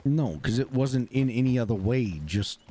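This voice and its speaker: A man, speaking gruffly and bluntly in character during a roleplay game stream, swearing often. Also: medium pitch, expressive, moderate pace, mellow.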